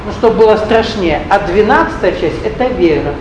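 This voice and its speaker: A Russian-speaking man, not Ukrainian, with a strikingly high voice gives a spiritual lecture to a live audience. He wanders between points, cracks jokes on the side and asks the room questions, sounding animated and a bit quick. The hall echoes, with a faint hum in the background.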